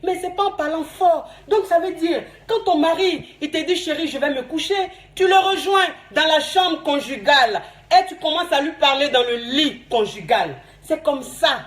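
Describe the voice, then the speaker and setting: A woman's voice: high voice, lively intonation, normal speed, echoey room. A woman giving casual marriage advice to other women in a coaxing, chatty way, laughing often as she talks. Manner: warm, coaxing, often laughing, repeats "ma chérie".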